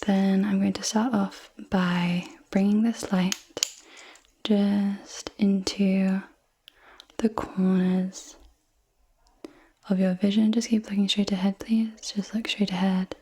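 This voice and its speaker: Young woman whispering an asmr clinic role-play, slow and breathy, real soft and reassuring. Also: mid-range voice, little pitch movement. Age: 20s. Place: indoors, small room with dark backdrop.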